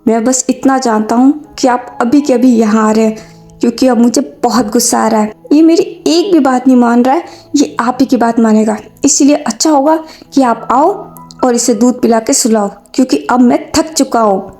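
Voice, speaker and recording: A woman's voice: a little high, moderate pace, dark tone, soft background music, lightly acted. A woman voicing a hot-tempered young man who nags and scolds a stubborn child in a fanfiction story. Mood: exasperated scolding. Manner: scolding, nagging, exasperated.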